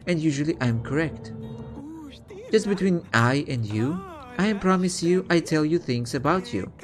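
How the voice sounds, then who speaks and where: A man's voice: fairly high pitch, lively intonation, normal speed, faint music behind, pitched above the performer's own voice, close to an everyday voice. A man voicing an ingratiating fortune teller woman from a video game, with mystical, coaxing patter. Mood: coaxing, courteous. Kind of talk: reading game dialogue aloud in character.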